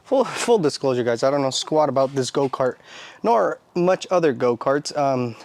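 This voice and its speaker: A man's voice: mid-range voice, lively intonation, moderate pace, darkish tone. A man hosting a casual vlog, chatty, bemused and self-deprecating as he fumbles through a task. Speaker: vlogger host.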